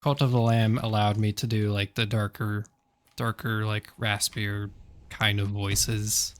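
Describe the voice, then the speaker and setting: A man's voice: on the low side, flat delivery, unhurried. A man with a slightly sore throat chatting casually on a gaming stream, rambling and correcting himself with many fillers.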